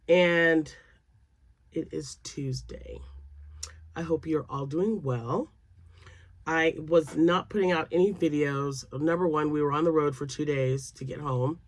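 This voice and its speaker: An older woman who vlogs about crochet chats casually to the camera in a low voice with no echo. Sinus drainage makes her sound slightly nasal and froggy. She rambles, uses lots of fillers, and laughs often.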